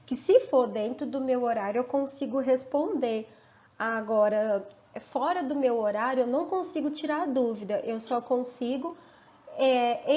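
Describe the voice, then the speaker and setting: Woman, primary teacher, slightly high voice, slow and careful, drawing out each sound for children. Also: darkish tone, highs cut off. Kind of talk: slow remote lesson for children and families.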